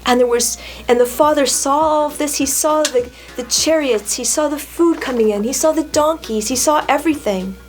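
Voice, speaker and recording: A woman telling a Bible story to children, talking warmly and putting questions to them. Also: sits high, moderate pace. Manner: warm, asks the children questions.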